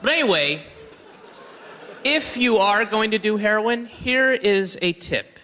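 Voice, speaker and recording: A man's voice: sits high, animated, slow pace, sharp tone, big-room sound, some chatter behind, a little hiss or hum. A man doing a rambling stand-up comedy set, slipping in and out of mocking voices.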